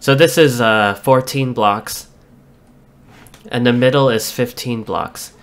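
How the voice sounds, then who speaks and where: A man's voice: mid-range voice, slow, a little hiss or hum. A man hosting a let's play, casually talking through the changes he made to his build, step by step. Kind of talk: casual gameplay commentary.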